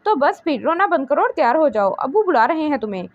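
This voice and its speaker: A woman reading the lines of a young man comforting his sister in a soft, affectionate way. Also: sits high, very animated, fast talker, no room sound, dull audio. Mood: gentle. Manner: soothing, affectionate. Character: caring older brother, gentle and reassuring.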